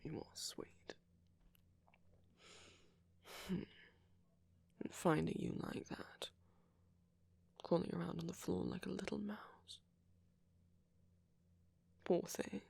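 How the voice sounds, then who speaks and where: Here the same kind of performance: a man as a warm, flirty ancient vampire for ASMR, speaking breathily and often almost whispering in a gentle, teasing, genteel manner. The voice is high and even, delivered slowly with long pauses, fully acted, on a dry recording.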